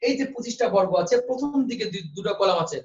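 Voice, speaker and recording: A man's voice: high-pitched, expressive, fast talker, darkish tone, roomy sound, highs cut off. A man teaching an online admission-prep class, quizzing students and repeating the answers.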